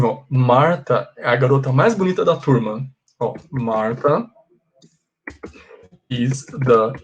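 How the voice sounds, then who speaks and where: A male English teacher with a Brazilian accent walks through grammar rules in an online lesson. He talks slowly and deliberately, with a somewhat husky voice. He keeps switching between English and Portuguese as he explains. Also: medium pitch, a little mellow.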